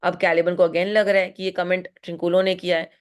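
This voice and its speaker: An Indian woman teaching literature, mixing Hindi and English as she goes through a play line by line and slowing to read the quoted lines aloud. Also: on the low side, level tone, smooth. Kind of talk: line-by-line text explanation.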